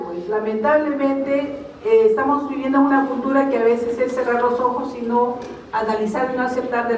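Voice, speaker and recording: Woman lecturer, slightly high voice, far-off mic in a reverberant hall. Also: darkish tone, slight background noise. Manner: explanatory, frequent tag questions. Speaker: linguistics lecturer. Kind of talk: public talk at a vocational fair. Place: large hall at a university fair.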